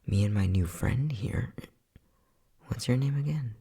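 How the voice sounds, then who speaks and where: In a sardonic ASMR roleplay, a man plays an unhinged, bossy scientist who teases, condescends, and sighs often, in a mocking, theatrical mood. His exaggerated mid-range voice is mellow and husky with vocal fry, and his pace is measured.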